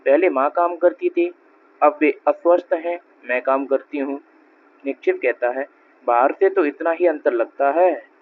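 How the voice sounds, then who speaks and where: A man reading a stage play aloud, speaking the stage directions and every character's lines in his own voice. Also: on the high side. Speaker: reader of a play. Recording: tinny narrow-band recording with faint noise.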